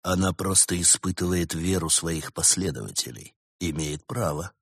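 A man's voice: deep voice, animated, moderate pace, husky, dry recording, studio quality, voice pushed down, exaggerated voice. A man voicing a smug male snow leopard answering a rival on the phone. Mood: sly.

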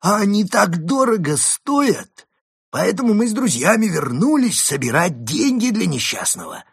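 A man's voice: sits high, sing-song, normal speed, creaky, a bit bright, husky, dry recording, studio quality, pitched above the performer's own voice, full character voice. A man voicing a boastful, scheming male ferret swindler who talks grandly and pushes hard. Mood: pompous. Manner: grandiose, pushy.

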